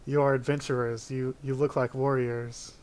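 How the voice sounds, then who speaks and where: A man voicing an earnest, pleading ghost with slow, halting, solemn speech in a tabletop game. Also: mid-range voice, flat delivery, darkish tone, natural voice, rough recording.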